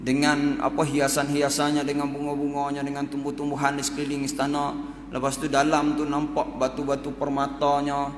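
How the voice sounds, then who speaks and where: A man's voice: a little fast, slight background noise. A man with a Kedah Malay accent giving a storytelling Ramadan sermon, animatedly acting out the characters. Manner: animated, acts out characters' lines in shifting pitch. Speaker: ustaz giving a Ramadan talk. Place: mosque hall. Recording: roomy live mosque hall recording.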